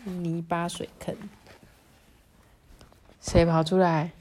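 A woman reading a storybook aloud to her child in a gentle, lilting, teaching tone. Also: lowish voice, level tone, slow pace.

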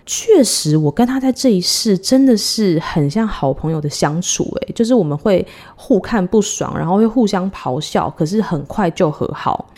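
A woman in her thirties, a podcast host, telling a personal story in a chatty, giggly way with drawn-out dramatic pauses. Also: fairly low pitch, lively intonation, darkish tone.

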